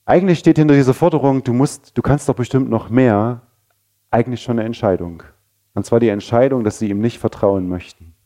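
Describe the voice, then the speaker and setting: A man preaching a sermon, talking conversationally with rhetorical questions and moving between raised passages and quiet, low ones. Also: brisk. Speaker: pastor.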